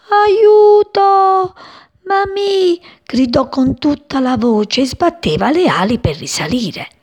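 A woman reading a children's story slowly and expressively, dropping to soft whispers. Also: mid-range voice, slightly rough.

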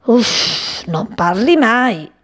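A woman's voice: medium pitch, sing-song, a little slow. A woman voicing a small, curious and cheeky young male bird in a children's story, chirpy and bold. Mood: grumbling.

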